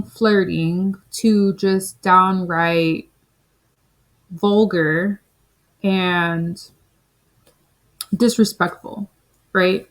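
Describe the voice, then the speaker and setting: A woman's voice: medium pitch, poor audio. A woman in her thirties from the Caribbean, telling a personal story in a chatty, reflective way, full of "like" and "you know". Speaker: spiritual vlogger.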